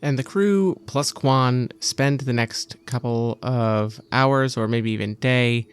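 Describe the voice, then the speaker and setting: A man narrating his solo tabletop game in a relaxed way, thinking aloud as he goes. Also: mid-range voice, slow, clean tone.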